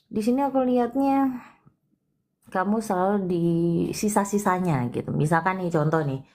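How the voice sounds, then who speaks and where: A woman hosting a live palm-reading consultation, chatty and expressive, with frequent exclamations. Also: mid-range voice, moderate pace. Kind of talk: casual live-stream reading.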